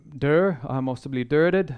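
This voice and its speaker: A man giving a sermon-style Bible lecture, measured and earnest, pausing often and restarting phrases as he thinks. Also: on the high side, smooth, lo-fi sound. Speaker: Bible seminar speaker.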